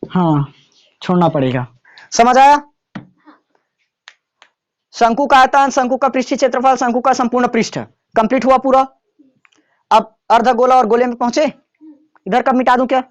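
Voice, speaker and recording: A man's voice: very high voice, normal speed, long pauses, highs cut off. A man teaching a maths lesson to students in a classroom, in a casual way, often checking whether they have understood.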